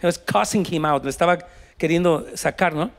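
A man's voice: fairly high pitch, normal speed. A man with a Mexican Spanish accent preaching a sermon, telling a story and then exhorting his congregation, slipping between Spanish and English. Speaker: pastor.

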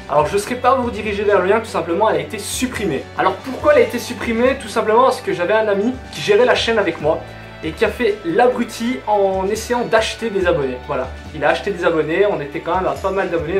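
A high-pitched eighteen-year-old from Hainaut, southern Belgium, talks casually and emphatically to camera in a Belgian French accent while answering viewer questions as a YouTuber. He's in a small indoor bedroom whose sound is roomy, and music plays underneath.

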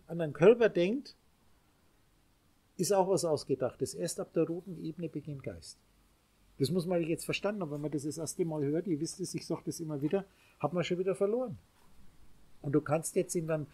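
Husky, mellow man. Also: high voice. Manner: emphatic, repetitive, addresses listeners directly. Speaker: spiritual teacher. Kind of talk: spiritual lecture to a small group.

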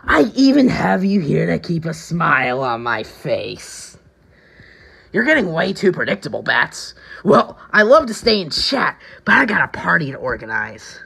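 A woman plays a taunting male villain clown in video game style. The voice is raspy and creaky with a hard, bright edge. The delivery is theatrical and drawn out, relishing every threat. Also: low voice, very animated, a little slow, heavily acted. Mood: gleeful taunting. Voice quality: raspy, strained. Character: manic, taunting male comic-book villain clown, the Joker. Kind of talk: amateur audition reading of video game villain lines.

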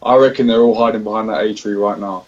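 A young man in team voice chat during an online match, directing his squad with quick repeated callouts. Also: on the low side, steady tone, highs cut off. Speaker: gamer.

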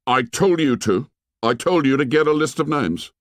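Guy doing a stern boy in charge, highish voice, snappy and bossy, audiobook. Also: expressive, moderate pace, no echo, studio quality, lightly acted. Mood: sharp. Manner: sharp, clipped, commanding. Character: stern, curt boy leader.

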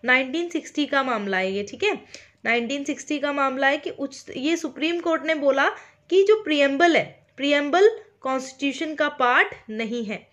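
A woman with an Indian accent and a high voice gives an online exam-prep lecture. She talks slowly and deliberately, keeps checking that her students follow, and drops English terms into her explanations. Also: animated, a bit bright. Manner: speaks slowly on purpose, checking in with listeners often. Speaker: teacher.

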